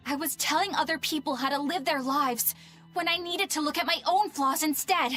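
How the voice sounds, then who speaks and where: An earnest, principled young exorcist in a video game, with a high voice. She speaks resolutely over game music. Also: normal speed, pushed and bright. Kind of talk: game voice acting.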